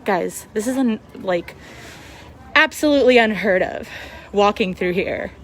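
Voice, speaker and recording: A woman's voice: mid-range voice, lively intonation, unhurried, a little hiss or hum. A woman chatting casually and with amazement to viewers as she vlogs on a walk. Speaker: vlogger and podcast host. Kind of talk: casual walk-along vlog chat. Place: outdoors in a theme park queue.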